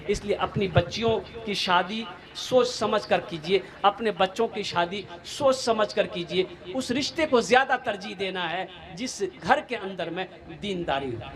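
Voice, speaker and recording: A man's voice: high voice, measured pace, crowd noise. A male Islamic preacher giving a fervent sermon, firing off rhetorical questions and exclamations and often laughing as he preaches.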